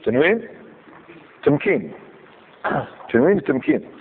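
A man lectures a grammar class, questioning his students and repeating each example. His voice sits a little high and swings lively up and down. The recording is thin and phone-like, with birds cooing in the background. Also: measured pace, husky. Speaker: teacher of Arabic grammar.

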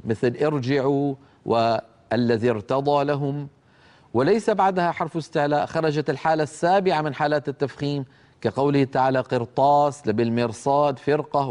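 Middle-aged male tajweed teacher, slightly high voice, lectures to students, stretches out recited verses. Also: darkish tone. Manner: slow drawn-out recitation of example words and verses; addresses students directly, asking questions. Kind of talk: tajweed lesson explaining a didactic poem.

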